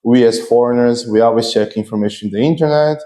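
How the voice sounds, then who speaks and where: A man's voice: mid-range voice, fast, mellow. A man hosting an interview, asking talkative, friendly questions in Portuguese and English. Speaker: host.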